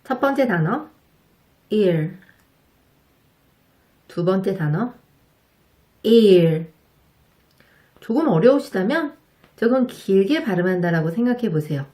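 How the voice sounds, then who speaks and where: A woman teaching English pronunciation to Korean speakers, explaining politely and patiently and modeling each sound slowly and clearly. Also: medium pitch, lively intonation, warm tone. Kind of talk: slow, careful instructional narration.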